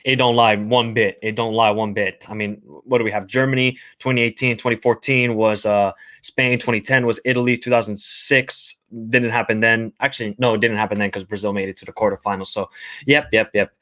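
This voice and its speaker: With a lowish, bright, forceful voice and fairly even intonation, a young man talks fairly quickly while hosting a casual football livestream. Half American and half Finnish, living in Finland, he has an American accent. He reads viewer comments, gives blunt, opinionated views, and chattily repeats phrases.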